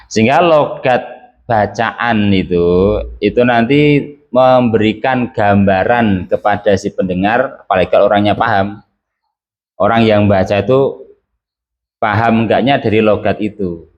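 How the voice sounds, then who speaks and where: A man teaching an Arabic class, patiently correcting how his students pronounce and read their lines. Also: lowish voice. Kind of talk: classroom reading drill and correction. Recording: echoey, dull lo-fi classroom recording.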